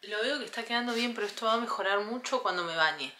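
A young woman with an Argentine accent, chatting casually as she cuts her own hair at home, a bit hoarse from a cough, self-mocking and thinking aloud. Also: fairly high pitch, fast talker, bright, forceful tone, echoey room, a little hiss or hum. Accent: Argentine Spanish. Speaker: beauty vlogger. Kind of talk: casual vlog chat. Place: home bathroom.

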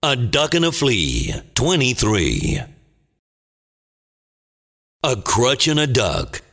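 A man playing a booming, dramatic movie trailer announcer, calling bingo in short theatrical phrases with a gravelly voice. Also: sharp tone, exaggerated voice. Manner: theatrical, deliberate, clipped phrases. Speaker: bingo caller. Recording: long booming reverb.

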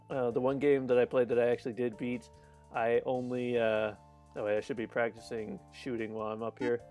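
A man's voice: mid-range voice, dark tone. Chatty man streaming a game. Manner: chatty and rambling, laughs often, restarts sentences. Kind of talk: casual live-stream commentary.

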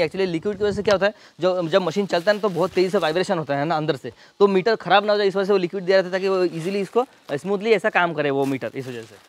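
A man casually reviewing and demonstrating a pressure washer, explaining each step quickly as he handles it. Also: sits high. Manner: rapid, hands-on explaining while demonstrating. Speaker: product reviewer. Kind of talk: casual product demo and review.

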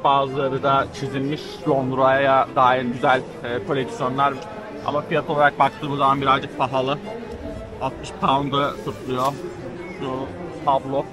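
A Turkish man in his thirties narrates a walking travel vlog in a medium-pitched voice, holding the camera at arm's length as he moves through a busy covered market and a rainy outdoor square. He talks steadily and informally but hesitantly, stretching out lots of fillers. Crowd chatter, city noise and background music fill the busy street sound.

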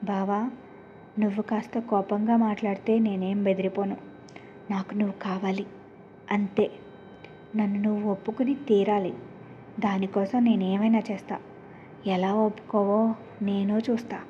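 A woman's voice: medium pitch, flat delivery, normal speed, muffled recording, slight background noise, close to an everyday voice. A woman voicing a stubborn, possessive young woman who pleads with her cousin and then defies him. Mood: defiant. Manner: pleading, then defiant and arrogant.

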